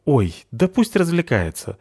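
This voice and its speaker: A man voicing a gloomy, sarcastic young woman assistant in a deadpan manner. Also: on the high side, unhurried, husky, no echo, clean studio sound, voice pushed up, full character voice.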